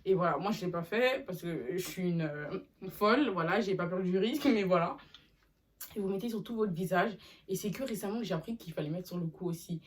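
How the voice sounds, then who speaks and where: A young woman chatting casually in a vlog, animated and slangy as she talks to her viewers. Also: on the low side, brisk, distant mic. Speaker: vlogger. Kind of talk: casual haul video chat.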